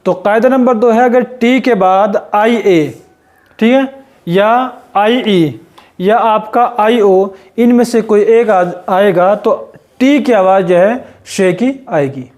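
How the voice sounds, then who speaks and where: High-ish voiced guy, teaching english word by word, spells letters out slow and repeats everything. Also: darkish tone. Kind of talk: classroom lesson.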